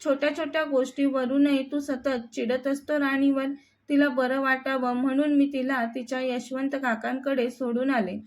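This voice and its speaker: A woman's voice: high-pitched, level tone, normal speed, close to an everyday voice. A woman voicing a stern middle-aged mother who reproves her son.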